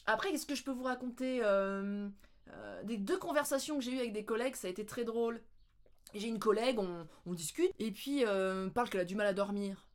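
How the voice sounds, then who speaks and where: A French woman vlogging, telling anecdotes in a casual, animated way with lots of laughter. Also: fairly high pitch, a little fast. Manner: animated, laughing, with playful English mimicry. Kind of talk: casual storytelling.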